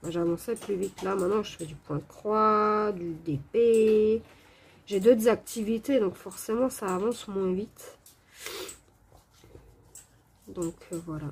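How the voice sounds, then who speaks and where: A woman's voice: medium pitch, measured pace, a little mellow. Sick woman chatting while she colors, lots of euh and sorry, faint noise behind. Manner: apologetic, chatty, many fillers and hesitations. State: sick with a cold, coughing. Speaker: coloring video creator. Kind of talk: casual talk while coloring. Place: home.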